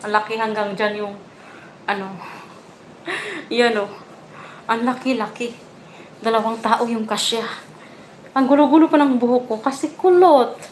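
A woman's voice: a little high, unhurried, pauses often, darkish tone, slight background noise. A woman hosting a casual livestream, chatting with viewers and cooing baby talk at her puppy. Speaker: livestream host.

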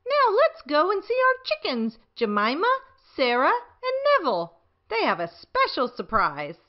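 Woman acting a kindly old grandmother pig, high voice, very animated, unhurried, storybook style. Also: dull audio, heavily acted. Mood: cheerful. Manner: bright-spirited, instructive to children.

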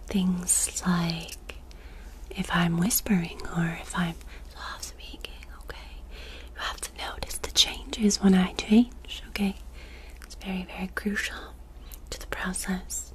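A young adult woman in a whispered role-play as a reiki healer, speaking breathily and close to the microphone in fast, insistent ASMR with commanding, rapidly repeated words. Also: on the low side, little pitch movement. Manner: commanding, directing the listener to focus. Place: small dark room indoors. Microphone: close desk microphone.

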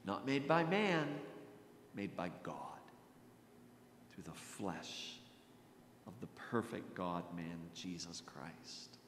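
Standing at a church pulpit, this middle-aged American Lutheran pastor delivers his sermon in a low, very animated voice. His style is emphatic, with deliberate dramatic pauses, repeated phrases, and frequent hushed moments, captured on a gooseneck microphone amid hiss and the echo of the hall.

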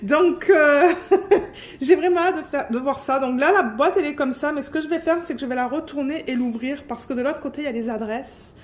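A woman chatting excitedly on her home craft vlog, filling pauses with fillers and breaking into squeals. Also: high voice. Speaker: diamond painting vlogger.

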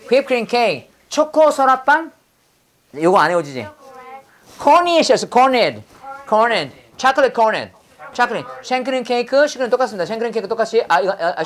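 A woman's voice: a little high, animated, fast. A woman teaching English vocabulary in a classroom drill lecture. She repeats each word, prompts the class to echo it, and slips in corny puns. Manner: drops in corny pun jokes.

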